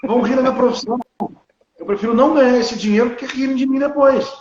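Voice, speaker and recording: Brazilian male dentist, 30s, high and opinionated, echoey lo-fi room. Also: quick pace, a little hiss or hum. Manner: animated, opinionated, blunt. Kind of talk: casual conversation.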